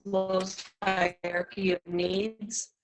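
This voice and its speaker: A woman on a video call with a poor connection, asking questions in a halting way that repeats words. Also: mid-range voice, little pitch movement, over music.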